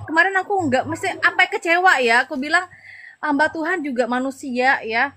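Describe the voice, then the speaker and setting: A woman's voice: high voice, brisk, bright, forceful tone, slight background noise. A middle-aged woman from Madura, an evangelist, giving an earnest, emotional personal testimony and advising the listener directly. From Madura, Indonesia.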